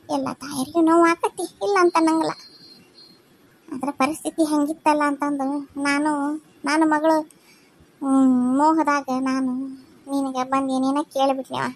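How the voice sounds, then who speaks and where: Soft and pleading, this is an older village mother-in-law, as a woman puts her on in a cartoon family drama. She talks with a North Karnataka Kannada accent and apologizes to her daughter-in-law in a lowered, humble voice. Faint background hiss lies under the speech. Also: vocal fry.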